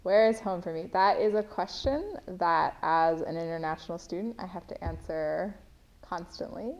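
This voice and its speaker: A young woman with a very low voice and a gravelly edge speaks in a documentary interview. She is a college student, thoughtful and unhurried, often pausing on an "um" as she sorts her thoughts. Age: 20s. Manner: reflective, frequent ums.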